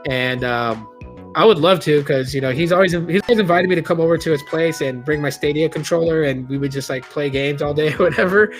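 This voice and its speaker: Man, late 30s, streamer host: candid, rambling chat, voice pitched a bit high, soft music under him. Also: a little fast. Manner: rambling, candid, many restarts, reads chat aloud. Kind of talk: casual live-stream chat.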